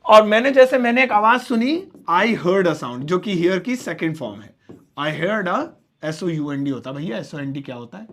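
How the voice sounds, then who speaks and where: A man's voice: high voice, expressive, moderate pace, fairly bright tone. A young man teaching simple English in an explanatory lesson, repeating key words and acting out everyday examples. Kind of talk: spoken English lesson in Hindi.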